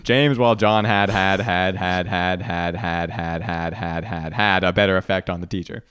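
A man with a deep, low-pitched voice hosts a casual podcast chat. He delivers wordplay in a deadpan way and laughs often. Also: moderate pace, smooth. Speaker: podcast co-host.

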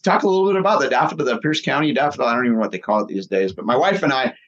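A man's voice: medium pitch, animated, very fast, a bit bright, lo-fi sound. Playful, chatty man hosting a talk. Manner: enthusiastic, playful, many restarts. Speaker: podcast host. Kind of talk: casual conversational interview.

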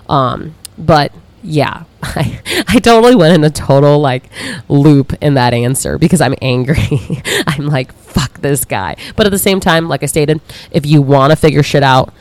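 A woman's voice: low-pitched, no echo. A woman hosting an advice podcast, blunt and heavily profane, laughing often and gushing over listener messages. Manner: gushing and animated when excited. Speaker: podcast host.

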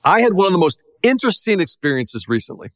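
A middle-aged man, a pastor, preaching a sermon in a lively, conversational way with self-deprecating jokes. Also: high-pitched, fast.

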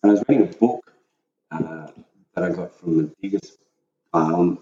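A man's voice: deep voice, moderate pace, dark tone, far from the mic. A middle-aged man, a podcast guest, talking in a plain, matter-of-fact way. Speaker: guest, host's husband. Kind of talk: casual podcast chat. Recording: dull, echoey, off-mic.

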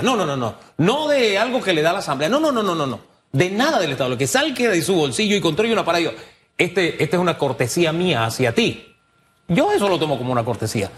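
A man's voice: fairly high pitch, slight background noise. A man co-hosting a news talk show, giving opinionated and emphatic commentary and repeating words for stress. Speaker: co-host.

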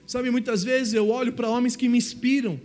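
A man from Brazil preaching a sermon as pastor, conversational and animated, with lots of playful mimicry. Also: extremely high pitch, normal speed, soft background music. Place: church stage.

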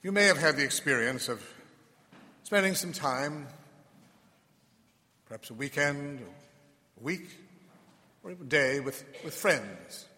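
A man speaking as a priest in church, measured and reflective, with pauses between phrases, in a cathedral echo. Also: on the high side, animated, sharp tone. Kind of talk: liturgical reading and sermon. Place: large reverberant church interior.

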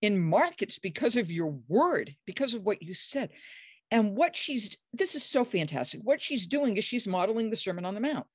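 A biblical scholar, middle-aged or older, talking with enthusiasm and emphasis and breaking into high, acted quotes. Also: very animated, normal speed, breathy edge, no room sound, clean studio sound. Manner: acts out quoted speech with sudden high pitch jumps; emphatic, enthusiastic, frequent restarts. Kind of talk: animated explanatory conversation.

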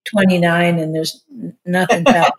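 An older woman in her sixties with a somewhat low-pitched voice, speaking as a marriage and family therapist. She talks in a loose, chatty interview manner and drops in plenty of "like" fillers. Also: unhurried. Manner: chatty, warm-hearted, many "like" fillers. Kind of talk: casual interview talk.

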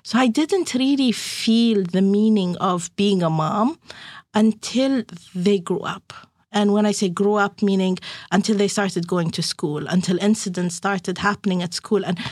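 A woman telling lively stories about motherhood in an interview, acting out other people's voices and laughing often. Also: medium pitch, no room sound, clean studio sound. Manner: animated, acts out quoted voices, laughs often. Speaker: guest mother sharing stories. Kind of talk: casual interview storytelling.

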